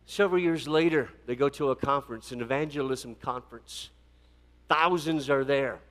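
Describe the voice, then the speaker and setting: Male preacher, sermon storytelling, loud-to-quiet swings, stumbling repeats, long hall echo. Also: mid-range voice, moderate pace. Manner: swings from loud fervent peaks to quiet, restarts with repeated words.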